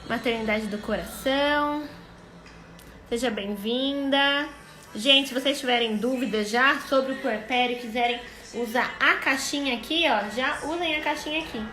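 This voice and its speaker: Brazilian woman, fairly high voice, chatty host, phone mic, roomy echo. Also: moderate pace, sharp tone, slight background noise. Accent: Brazilian Portuguese. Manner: chatty, welcoming, thinks aloud. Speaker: host, psychologist. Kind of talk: casual live-stream chat. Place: home, on an Instagram live stream.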